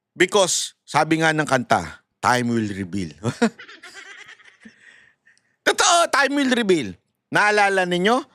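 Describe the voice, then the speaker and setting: Man, Filipino accent, high bright voice, dry close sound, animated political commentary. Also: no room sound. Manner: animated, mixes English and Filipino, laughs often, talks to viewers.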